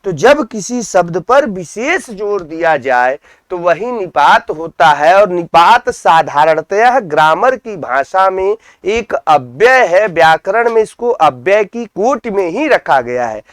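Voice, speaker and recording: A man's voice: sits high, sing-song, slow, no echo. A man teaching an exam-prep grammar lesson, repeating key terms and asking his students questions that he answers himself.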